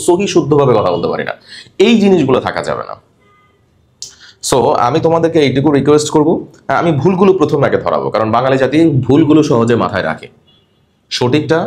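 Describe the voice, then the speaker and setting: A man teaching a cabin crew coaching class, talking emphatically to his students and correcting their pronunciation, with English words mixed in. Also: medium pitch.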